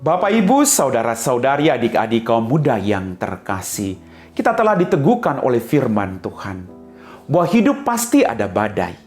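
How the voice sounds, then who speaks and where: Priest preaching with dramatic swings. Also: male voice, medium pitch, sing-song, normal speed. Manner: dramatic swings from loud to hushed. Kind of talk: sermon. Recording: echoey room with soft music.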